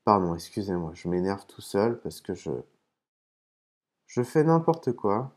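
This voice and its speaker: A man hosting a casual gaming video, explaining terms patiently between hesitant pauses and muttered curses at his own mistakes. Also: on the low side, very animated, darkish tone. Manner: hesitant, with frequent "euh" and restarts. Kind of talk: casual commentary while opening game cases.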